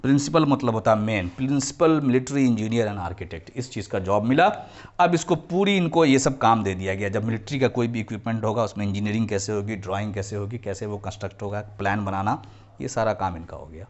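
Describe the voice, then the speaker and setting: A man's voice: fairly low pitch, fast. A man teaching a history lesson to children, explaining each term and repeating key points, often slipping into English phrases. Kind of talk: classroom lecture.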